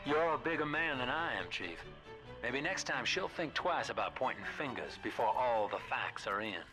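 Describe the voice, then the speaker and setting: An actor playing a folksy, slick schemer who guides the player in a video game, with familiar address. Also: male voice, medium pitch, animated, moderate pace, over music, close to an everyday voice. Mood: wry urging.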